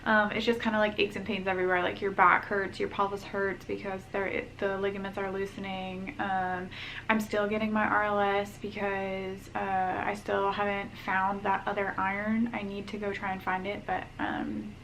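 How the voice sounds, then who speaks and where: A woman's voice: mid-range voice, little pitch movement, moderate pace, fairly bright tone. A young woman talks straight to camera in a loose, rambling vlog update, leaning on ums and likes as she goes. She sounds a little out of breath, and a faint hiss of background noise sits under her voice. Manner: chatty, many ums and likes. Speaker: vlogger. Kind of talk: casual pregnancy update vlog.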